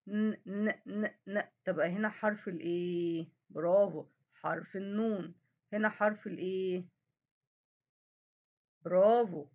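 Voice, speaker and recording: Raspy-voiced Egyptian woman teaching kindergarten. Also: medium pitch, highs cut off. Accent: Egyptian Arabic. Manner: slow, drawn-out sounding of letters and praise to pupils. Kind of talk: recorded online lesson.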